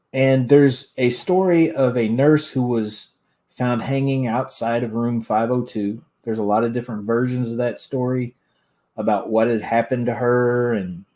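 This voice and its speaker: An older man tells a story as a guest on a talk show. His voice is mellow and mid-pitched, and he speaks reflectively, with halting phrasing. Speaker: radio show guest, former tour guide. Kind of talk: unscripted storytelling.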